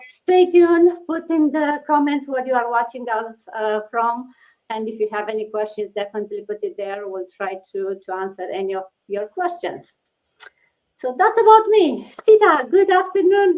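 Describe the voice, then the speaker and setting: Brief: female host, fairly high voice, upbeat and halting, heard over muffled lo-fi stream audio. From Romania. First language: Romanian. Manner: upbeat, halting, with many restarts. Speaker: host of a business live stream. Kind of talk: live stream chat.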